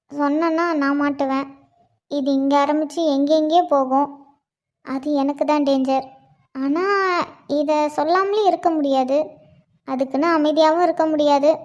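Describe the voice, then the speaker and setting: A woman's voice: high voice, darkish tone. A woman voicing a young scheming wife in a cartoon, pleading tearfully and then muttering slyly to herself.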